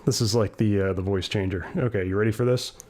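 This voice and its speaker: Rambling man demoing gear, lower voice. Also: steady tone, fast, a little mellow. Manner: rambling, with many fillers and restarts. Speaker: YouTube vlogger demoing a mixer. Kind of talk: casual equipment demo.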